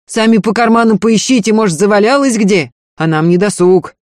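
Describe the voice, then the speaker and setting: A woman voicing a gruff, blunt male runaway convict who mocks his opponents. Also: medium pitch, moderate pace, a little mellow, dry recording, studio quality, voice pushed up, natural voice. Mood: mocking. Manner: mocking, blunt.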